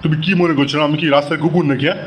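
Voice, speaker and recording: A man's voice: a little high, fairly even intonation, rapid-fire, a little hiss or hum, natural voice. A man playing a brash, pushy middle-aged man in a comic audio drama, hot-tempered and full of threats. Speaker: the daughter-in-law's father, a co-in-law.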